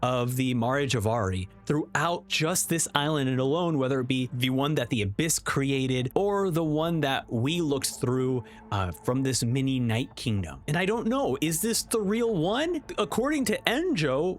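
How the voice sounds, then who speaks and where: A man with a slightly high voice hosts a review-style video essay, delivering enthusiastic commentary in an excitable, emphatic and informal way.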